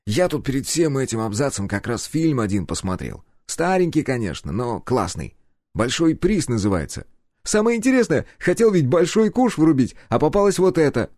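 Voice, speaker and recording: A man doing a brash, loud-mouthed sidekick. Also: mid-range voice, sing-song, normal speed, no echo, studio quality, pitched above the performer's own voice. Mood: rambling. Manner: brash, blurting, dismissive. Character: loud-mouthed cheeky young man, cooking.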